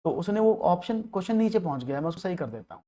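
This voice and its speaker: A very animated maths teacher speaks quickly in a high, mellow voice during an online exam-prep lecture. He moves through problems step by step, peppers his talk with English phrases, and keeps making sure students are following.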